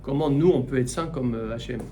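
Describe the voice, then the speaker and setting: A middle-aged man, a rabbi, giving a Torah class in with mixed in, animated and full of rhetorical questions. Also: medium pitch, fairly quick, slight background noise. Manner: animated, rhetorical questions, repeats words while searching. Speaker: rabbi teaching the weekly portion. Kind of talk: Torah class, spoken teaching.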